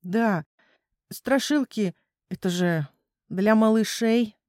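A woman's voice: medium pitch, moderate pace, mellow, no echo, clean studio sound, natural voice. A woman voicing a timid little boy wolf cub who whines and trembles with fear in a children's storybook. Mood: trembling. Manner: scared, whiny, trembling.

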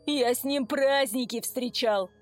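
A woman's voice: high-pitched, expressive, a little slow, soft background music. A woman voicing a big, tearful businessman and ex-convict gamer who bellows in prison slang. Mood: desperate. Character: burly sobbing businessman, ex-convict gamer, man.

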